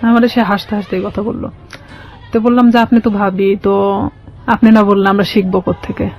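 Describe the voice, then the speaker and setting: As an interview guest giving personal testimony, a Bangladeshi-accented woman speaks briskly at a medium pitch with little pitch movement, casually quoting dialogue from past conversations. The highs are cut off, and a faint crowd is audible.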